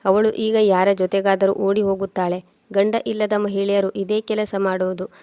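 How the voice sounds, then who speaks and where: A woman's voice: medium pitch, flat delivery, normal speed, mellow, no room sound, lightly acted. A woman voicing a harsh, scornful old mother-in-law who scolds in cutting words.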